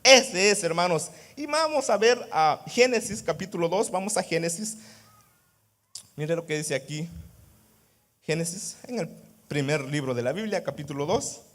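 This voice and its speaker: A male pastor delivering a sermon in a high-pitched, very animated voice. He leans on rhetorical questions and tags his phrases with "right?" to hold the congregation. He swings between quiet asides and loud exclamations of praise. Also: normal speed. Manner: keeps adding "¿verdad?".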